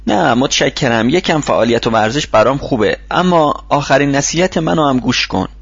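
Male reader playing patient older workshop mentor, lively advising voice, husky, dull dry audiobook sound. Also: mid-range voice, no echo, pitched above the performer's own voice.

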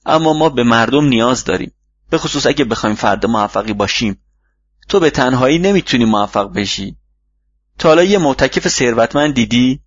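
A man voicing a wise older male mentor in an audiobook, speaking calmly and instructively like a father. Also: mid-range voice, no room sound, natural voice. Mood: advising. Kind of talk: audiobook reading. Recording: dull lo-fi recording.

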